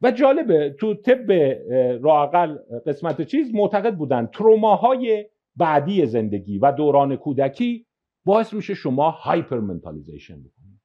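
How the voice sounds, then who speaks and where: A man giving a lecture in an animated way, acting out everyday examples and mixing in English technical terms. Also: on the high side. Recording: dull lo-fi recording.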